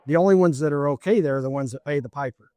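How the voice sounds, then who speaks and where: A man's voice: fairly high pitch, rapid-fire, dark tone, dry recording. A man running for office, talking in an interview in an emphatic, lecturing way, repeating his points. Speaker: political candidate. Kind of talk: campaign interview.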